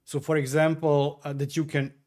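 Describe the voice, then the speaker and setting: A man's voice: fairly high pitch, little pitch movement, moderate pace, darkish tone. Chatty man streaming from home. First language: Croatian. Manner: hesitant, chatty, many fillers and restarts while tinkering. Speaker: livestream host. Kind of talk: casual livestream chat, answering viewer comments.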